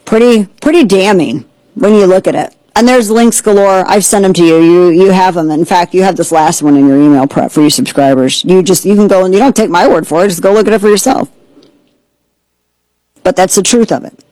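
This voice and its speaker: A woman's voice: fairly low pitch, mellow, no room sound, low-quality recording. Snarky woman doing a political talk show, mocking tone, dry studio mic. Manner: sarcastic, mocking, rapid asides. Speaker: host. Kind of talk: opinionated political commentary.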